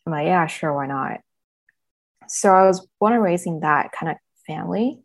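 Chatty woman from southern China, low voice. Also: moderate pace, vocal fry. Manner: chatty, laughs often, relaxed. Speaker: guest, self-love coach. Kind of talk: casual interview chat.

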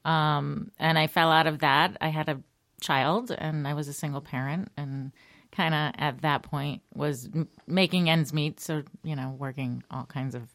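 A woman's voice: low-pitched, steady tone, unhurried, vocal fry, fairly bright tone, no echo. A middle-aged woman from Connecticut, a guest in a casual interview, talking in a friendly, chatty way. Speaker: podcast guest.

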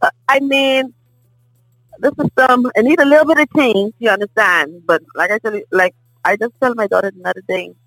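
A middle-aged woman from the Bahamas with a Bahamian accent, a guest in a casual table conversation, telling stories in a lively way and often asking "you understand?". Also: fairly high pitch, a little fast, dry recording, soft background music, rough recording. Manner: animated storyteller, often asks "you understand?".

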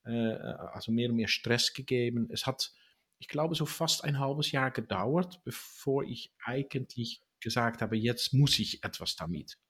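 Dutch guy in his 60s talking german, lots of uhs and restarts, mid-pitched voice. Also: a bit bright, slightly rough. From Netherlands. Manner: halting, many fillers and restarts. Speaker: guest. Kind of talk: interview answers.

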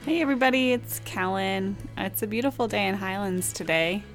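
A woman's voice: mid-range voice, brisk, soft background music. A woman with an American accent chatting casually as a podcast co-host. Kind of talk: casual co-hosted podcast chat.

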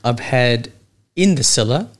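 A man's voice: medium pitch, lively intonation, normal speed. A man co-hosting a podcast, chatting casually and wryly over a wine tasting, laughing often. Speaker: podcast co-host.

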